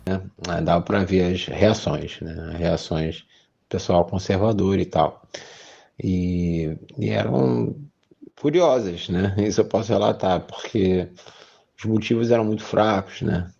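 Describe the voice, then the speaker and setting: A Brazilian man interviewed as an activist, speaking hesitantly and filling pauses. His voice is very deep and strongly gravelly, with a husky edge. The recording sounds a little dull. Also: dark tone. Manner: hesitant, many fillers. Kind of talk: casual interview.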